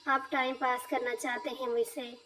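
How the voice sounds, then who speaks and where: A woman voicing a gentle, shy young female patient who speaks softly and quietly. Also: high-pitched, flat delivery, normal speed, slight background noise, rough recording.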